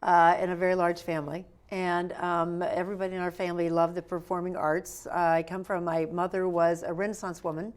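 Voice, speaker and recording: Woman guest, playful storyteller, lively chat, a little low-pitched. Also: a little fast, hardly any pauses.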